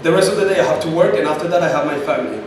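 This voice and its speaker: This guest at a startup event talks rapidly in a fairly high voice with a Chilean Spanish accent. He responds to questions with emphasis, restating points to drive them home, and the recording sounds far-off, echoey and noisy.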